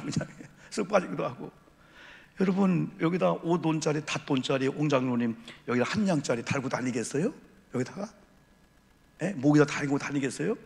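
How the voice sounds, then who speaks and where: A middle-aged male pastor delivers an evening sermon in a church sanctuary, his somewhat high voice roughened by a gravelly edge. He drives his points home with repeated refrains and rhetorical questions, and the sound carries a long echo of the church hall. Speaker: senior pastor. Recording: echoey church hall reverb.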